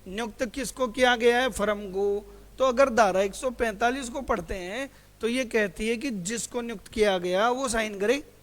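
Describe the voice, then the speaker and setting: A man's voice: very high-pitched, normal speed, a bit bright. A male teacher giving a classroom lecture who keeps asking his students questions, answers them himself, and calls them "beta". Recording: hall reverb.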